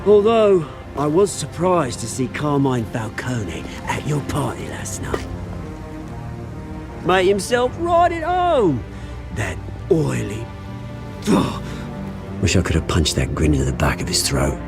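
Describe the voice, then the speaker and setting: An actor playing a cocky, volatile British rogue, a fallen heir turned revolutionary, taunting and theatrical in a video game. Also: male voice, medium pitch, huge pitch swings, takes it slowly, over music, full character voice. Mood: sly, threatening.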